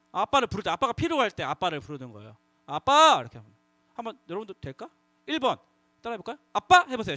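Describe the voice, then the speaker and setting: A man preaching to middle schoolers as their youth pastor, lively and coaxing the audience to call out together. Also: sits high, no echo. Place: church youth worship hall.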